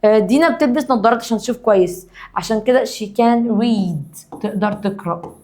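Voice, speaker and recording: Brisk Egyptian woman teaching English grammar. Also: a little high, a little mellow. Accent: Egyptian Arabic. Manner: brisk explaining, reads English examples out slowly and deliberately. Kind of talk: classroom grammar lesson.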